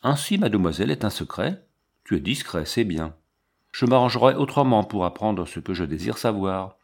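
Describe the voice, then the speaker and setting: A man's voice: lowish voice, very animated, moderate pace. A man reading a stern, curt army captain. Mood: probing. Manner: curt and commanding. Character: stern aloof male army captain, thirty-five. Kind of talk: audiobook character reading.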